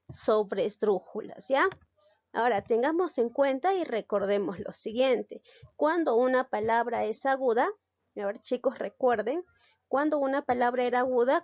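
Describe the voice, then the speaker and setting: A woman's voice: a little high, a little mellow, no room sound. Lady teacher walking students thru a lesson step by step, muffled lo-fi audio. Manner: explains step by step, asking and answering her own questions; checks understanding with a short tag question. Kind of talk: recorded online class lesson. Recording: dull lo-fi dry recording.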